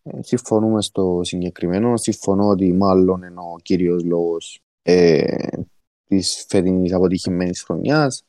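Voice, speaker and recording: A man's voice: deep voice, steady tone, mellow, no echo. A man with a Cypriot Greek accent, giving his opinions as a panellist in a casual football discussion.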